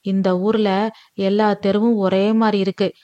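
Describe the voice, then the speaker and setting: A woman voicing a gentle older father in a dull, dry recording. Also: mid-range voice, flat delivery, normal speed, dry recording, natural voice. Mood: comforting. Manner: tender, fatherly reassurance.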